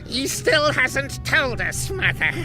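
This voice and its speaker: A villain's deferential son from a video game, speaks slowly and carefully. His pitch moves up and down in a lively way over background music. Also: full character voice. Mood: dutiful. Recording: music under the voice.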